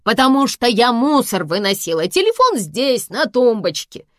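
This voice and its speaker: A bossy, sharp-tongued older mother who snaps and mocks in short, clipped lines, pitched somewhat above the reader's normal voice, as a woman narrator puts her on. Dry, close audiobook sound. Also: sing-song, moderate pace, no room sound. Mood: snapping. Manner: curt, sardonic. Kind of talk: audiobook character voice.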